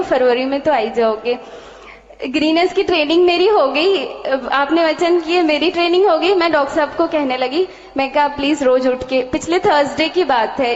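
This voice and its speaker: A woman with a high voice tells a personal testimony to a spiritual leader, acting out the exchanges in animated detail. Her voice rings through a large hall with a long echo. The sound is a little dull and muffled. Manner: animated storytelling with many quoted exchanges. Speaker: devotee sharing a testimony.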